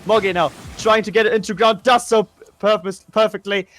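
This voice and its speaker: A man doing live play-by-play esports commentary, calling the action quickly and excitedly. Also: high voice, soft background music. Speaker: play-by-play caster.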